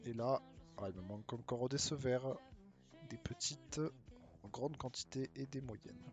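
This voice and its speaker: A French man chats loosely through a live game stream at an ordinary middle pitch, joking with viewers as he plays. When he switches to English it comes out halting and thick with a French accent. Faint music runs quietly under his voice. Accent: heavy French accent when speaking English. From France. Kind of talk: casual live-stream chat while playing a mobile game.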